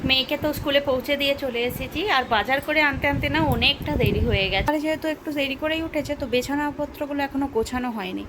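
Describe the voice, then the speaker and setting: A woman's voice: sits high, fast, hardly any pauses, a loud crowd. A young woman narrating a daily-life vlog, chatting directly to her viewers as she goes about her day. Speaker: vlogger. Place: home, market and railway stations. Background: street and vehicle noise.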